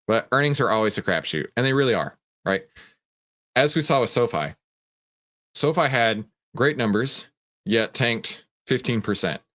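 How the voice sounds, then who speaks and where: Casual live market commentary comes from a man hosting a stock trading stream, his medium-pitched voice animated, a bit bright, and at normal speed. Chatting with viewers, he explains with emphasis, poses questions he then answers, and frequently adds a checking "right?"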